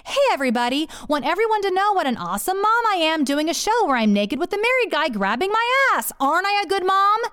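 A woman putting on the voice of a pleading, controlling husband inside her story, talking quickly and mockingly. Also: very high-pitched, very animated, a bit bright, voice pushed up, exaggerated voice.

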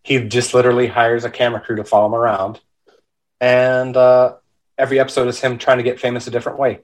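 A man co-hosting a podcast over a call, calmly explaining things at length. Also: medium pitch, quick pace. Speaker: podcast co-host. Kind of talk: casual podcast chat, remote call.

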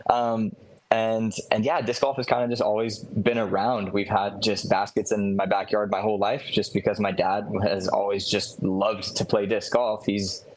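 A young man from Hawaii, a disc golf pro, answering interview questions in a relaxed, halting way. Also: fairly low pitch, low-quality recording. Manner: relaxed, hesitant with many restarts. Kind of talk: casual podcast interview.

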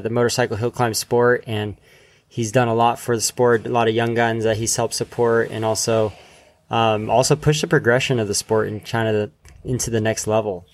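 Casual male podcast host out in a backyard. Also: medium pitch. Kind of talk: casual interview chat. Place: outdoors in a backyard.

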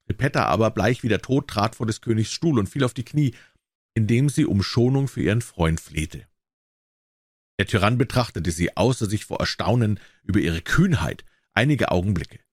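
Brief: male storyteller, lowish voice with a lot of melody, dry close-mic reading. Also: normal speed, dry recording. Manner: expressive, lively storytelling. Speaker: reader. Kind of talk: audiobook reading of a classic story.

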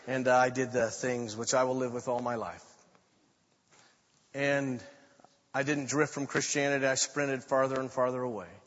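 An older man preaching a sermon, telling a story with dramatic swings from loud declarations to hushed, quiet lines. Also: mid-range voice, fairly even intonation, moderate pace, long pauses. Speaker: pastor. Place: church sanctuary. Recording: muffled sound with long reverb in a large room.

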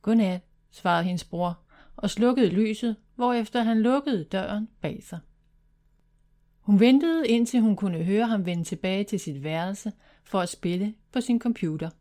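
Give me a woman calmly narrating a children's story. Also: medium pitch. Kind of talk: reading a children's story aloud.

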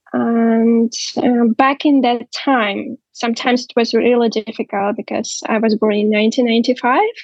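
A woman in her twenties with a Ukrainian accent, telling her story as an interview guest, slow and halting with many pauses. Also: fairly high pitch, no echo, highs cut off. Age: 20s. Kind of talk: interview testimony.

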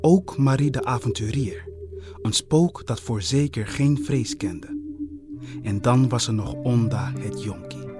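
A man's voice: mid-range voice, music in the background. A man telling a children's ghost story in a playful, storybook narration style. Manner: slow, playful, wordplay-heavy.

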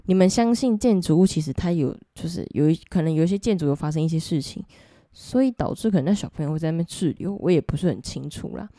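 Young woman, Taiwanese Mandarin accent, podcast storyteller, low and mellow voice, dry close sound. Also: no room sound. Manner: chatty, addresses listeners directly. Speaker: podcast host. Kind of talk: casual ghost-story telling.

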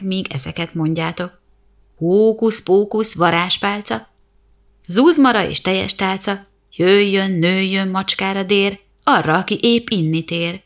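A woman's voice: medium pitch, lightly acted. Lady putting on a grumpy bossy old witch, scolding and chanting rhymes, storybook voice.

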